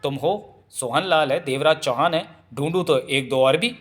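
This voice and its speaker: A man's voice: a little high, normal speed, natural voice. A male narrator voicing a flustered, suspicious bachelor friend who asks puzzled, nervous questions in a storybook reading. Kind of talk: audiobook character voice.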